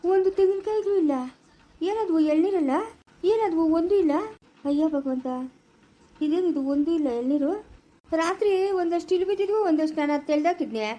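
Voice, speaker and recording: A woman's voice: extremely high pitch, moderate pace, dark tone. A woman voicing a middle-aged male village farmer and easygoing husband, with a rural Chikkaballapura Kannada accent and a meek, mumbling way of agreeing. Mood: baffled grumbling. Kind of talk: village family skit acting.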